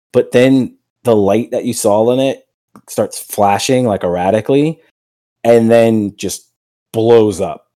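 A man's voice: on the low side, mellow. Casual male game master, loose filler-heavy narration.

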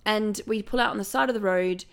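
Gravelly-voiced woman telling a wild story. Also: mid-range voice, brisk. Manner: animated storytelling, frequent swearing. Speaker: guest. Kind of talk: casual podcast chat.

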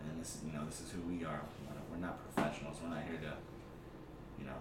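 Deep-voiced, blunt, slangy man. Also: flat delivery, fast. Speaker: sports podcast co-host. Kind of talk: casual, unpolished chat. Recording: distant, echoey room with clear noise.

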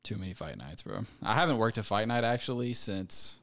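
A man hosting a podcast, chatting in a relaxed, friendly way and calling his guest "bro" and "man". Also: on the low side, a little fast, vocal fry. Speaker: podcast host. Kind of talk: casual podcast chat.

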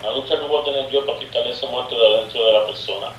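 A man's voice: medium pitch, rapid-fire. A man speaking as a guest sorcerer in an interview, telling a story in casual speech, acting out its dialogue and dropping English words into his Spanish. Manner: acts out dialogue in his stories. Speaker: guest sorcerer sharing experiences. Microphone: remote call. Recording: echoey distant call line with faint noise.

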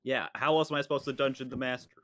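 Bright-voiced deadpan game master. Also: male voice, mid-range voice, very fast. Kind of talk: casual podcast chat running a tabletop game.

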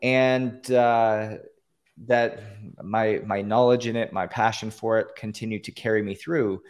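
A Canadian podcast guest on a call-in line sincerely describes his own life in an interview, peppering it with fillers and restarts. His pitch is fairly low, his intonation fairly even, and he doesn't hurry.

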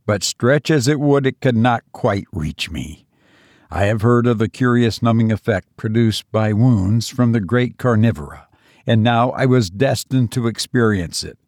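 Slow, measured male storyteller. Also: mid-range voice, a little mellow, dry recording, studio quality. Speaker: narrator. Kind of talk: scripted audiobook narration.

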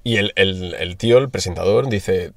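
A man's voice: low voice, normal speed, gravelly, no echo. Young man telling stories. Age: young adult. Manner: slangy, animated storytelling with put-on quotes. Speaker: podcast co-host. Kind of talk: casual chat.

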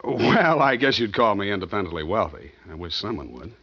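An actor playing a wry, tired private detective who narrates a 1940s radio drama with dry wisecracks. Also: male voice, on the low side, sing-song, a little fast, pushed and bright, husky, exaggerated voice. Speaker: narrator and lead. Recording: dull old radio recording with music.

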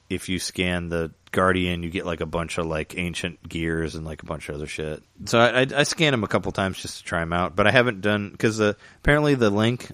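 A man with a very low voice talks through his video game progress in a loose, rambling way. He restarts sentences often and leans on fillers. The sound is dry and close. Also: a bit bright, no echo. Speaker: gamer chatting. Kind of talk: casual chat.

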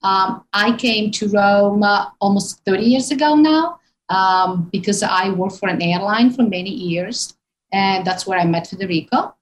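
A woman in her fifties with an Italian accent talks through an interview, stopping often on "uh" and "um" as she searches for English words. Her voice sits at an ordinary middle pitch, and her delivery is easygoing. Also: a little slow, slight background noise, rough recording. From northern Italy. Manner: hesitant, many fillers. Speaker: tour guide guest. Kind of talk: interview on a call.

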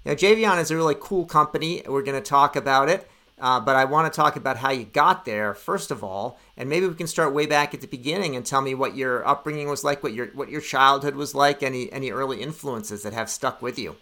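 A man's voice: mid-range voice, fairly quick, hardly any pauses, sharp tone. A man hosting a health business podcast, introducing the episode and interviewing a guest in a conversational way. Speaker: podcast host.

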